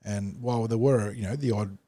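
A man's voice: lowish voice, a little fast, mellow, no echo. A man co-hosting a podcast, analysing a match in long, fluent runs. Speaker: podcast co-host. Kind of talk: casual sports analysis.

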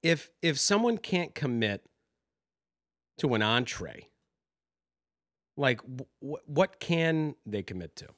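A man griping on a podcast, his voice bright and edgy with a lively, swinging pitch. He sounds close and dry, with no room around him, and he swears as he airs his complaints. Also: slow, pauses often, no echo. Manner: irritated, complaining, profane. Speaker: podcast co-host. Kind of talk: casual chat.

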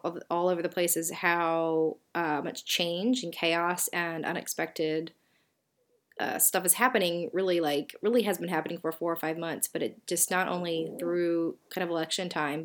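A woman with a Southern US accent hosting a solo podcast, talking in a chatty, reflective way with frequent fillers and self-corrections. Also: on the low side. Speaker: podcast host.

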